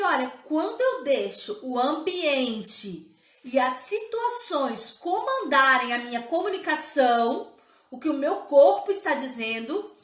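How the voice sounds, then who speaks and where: A woman's voice: sits high, a bit bright, roomy sound. A woman teaching in a live-streamed talk as a motivational coach, emphatic and often checking in with her listeners.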